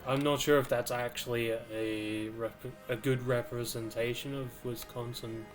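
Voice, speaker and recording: A man streaming a video game, slowly musing aloud to himself in casual commentary. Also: medium pitch, fairly even intonation, music in the background. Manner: slow, musing, mutters to himself.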